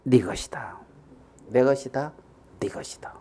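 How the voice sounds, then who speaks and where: A man voicing a loving elderly father who gently pleads with his son, in a slow, soft whispered role-play. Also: fairly high pitch, big pitch swings. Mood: tender. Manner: soft, tender, slow, hushed.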